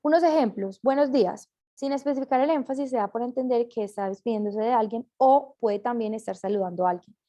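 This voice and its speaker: A woman's voice: on the high side, brisk, hardly any pauses, dark tone. A woman reading a class presentation aloud, with small slips and self-corrections as she goes.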